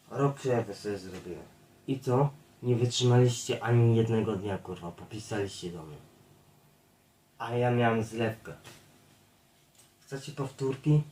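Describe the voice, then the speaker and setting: A man delivers a blunt, profanity-laced monologue straight to his viewers, addressing them again and again. His voice sits at an ordinary male pitch. He is some distance from the mic in an echoey room. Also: a little mellow, slight background noise. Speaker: YouTube streamer.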